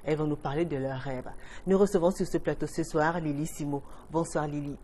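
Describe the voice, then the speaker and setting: A woman from Cameroon, hosting a studio talk show with expressive, emphatic delivery. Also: low voice, fairly quick, slight background noise. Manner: expressive, emphatic presenting with lively swings.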